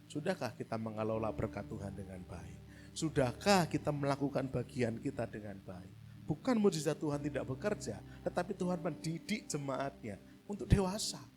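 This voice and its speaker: A man preaching a sermon in a church, acting out loud pleading voices and then dropping to hushed, reflective talk. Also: medium pitch, lively intonation, normal speed, music in the background. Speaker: pastor. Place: church hall.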